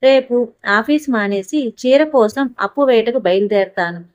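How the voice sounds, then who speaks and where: A woman voicing a middle-aged husband, irritable at times and pleading at others, in a lowered, hushed voice, for an audio story. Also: a little slow, no echo, highs cut off, natural voice.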